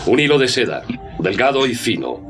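An actor playing a gloating criminal mastermind in a radio serial, taunting with mock courtesy and a killer's menace. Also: male voice, mid-range voice, very animated, normal speed, natural voice. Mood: gloating threat. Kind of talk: old-fashioned radio serial villain acting. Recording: loud music under the voice.

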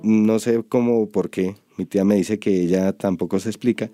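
A storyteller telling a personal story in an interview, soft and reflective with hesitant pauses. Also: male voice, lowish voice, fairly even intonation, music in the background.

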